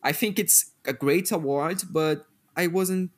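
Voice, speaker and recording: A man's voice: a little high, measured pace. A man co-hosting a podcast, chatting casually and thoughtfully. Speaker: podcast co-host. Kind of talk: casual chat.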